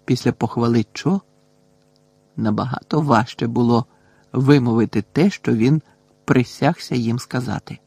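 Husky male audiobook narrator. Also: mid-range voice, a little slow, darkish tone, no echo.

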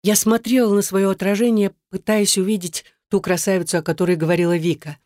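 A woman reading a first-person story aloud, in a soft and earnest narrating voice. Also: medium pitch, fairly even intonation, fairly quick, dry recording, clean studio sound. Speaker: audiobook narrator.

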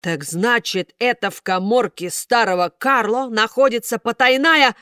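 Storybook puppet master, loud and blustering, gruff bellower; played by a woman. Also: on the high side, unhurried, dry recording, clean studio sound, voice pushed up. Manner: bellowing, snorting, sneezing explosively.

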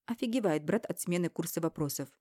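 A woman's voice: fairly low pitch, expressive, fast talker, no room sound. Female audiobook narrator, first person, dramatic, dry close recording. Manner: dramatic, emotional, rises to shouting in dialogue.

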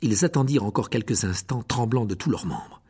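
A man's voice: lowish voice, animated, brisk, dark tone, husky. A man narrating a fantasy audiobook dramatically, often dropping to a whisper. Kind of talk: expressive audiobook reading.

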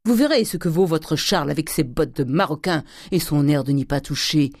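A woman's voice: sits low, expressive, moderate pace, no room sound, studio quality. A woman doing a blustering old miser father. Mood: scolding. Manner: blustering, scolding, shouts.

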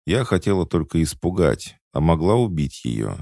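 A man with a deep, gravelly voice reading the lines of a proud, jealous immortal queen who speaks coldly and commandingly. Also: big pitch swings, normal speed, mellow, dry recording, studio quality, heavily acted. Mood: calm, superior. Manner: cold, imperious, mocking.

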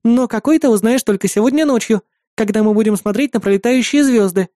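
A man's voice: high voice, brisk, mellow, no echo, studio quality, pitched above the performer's own voice, natural voice. Man doing a sweet clingy little sister. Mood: tender. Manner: affectionate, pleading, clingy. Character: young girl, sweet devoted little sister.

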